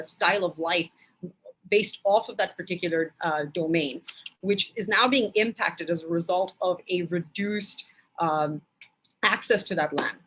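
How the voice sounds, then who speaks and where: A woman from Bangladesh giving an academic lecture in a measured way, with frequent hesitation fillers. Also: medium pitch, fairly bright tone, husky, rough recording.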